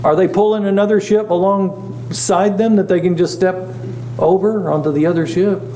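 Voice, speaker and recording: Speaking at normal speed, a pastor with a high, steady, warm voice teaches a Bible class conversationally, frequently asking the class questions. The setting is a church meeting room, and the recording has echo and a faint hum.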